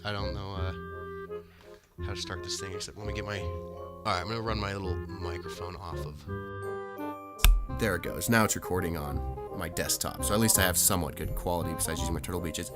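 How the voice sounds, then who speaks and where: A man's voice: sits low, steady tone, a little fast, pauses often, loud music behind the voice. A man hosting a casual podcast chat while sick with a plugged nose, talking in a rambling, self-deprecating way into a gaming headset mic. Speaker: podcast host.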